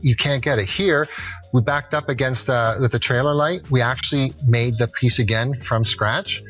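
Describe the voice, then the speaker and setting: A man of middle years presents a home shopping demonstration in a mid-range voice. He is conversational and instructional, talking the buyer through each step persuasively. Soft music sits faintly behind him. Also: mid-range voice, steady tone, normal speed, poor audio. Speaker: product demonstrator on a shopping show.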